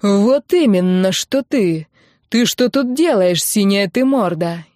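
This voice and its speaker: Woman doing a furious hoarse father. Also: medium pitch, lively intonation, slow pace, darkish tone, no echo, clean studio sound. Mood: enraged. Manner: bellowing, spluttering with rage. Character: furious middle-aged father, hot-tempered and shouting. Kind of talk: audiobook character voice.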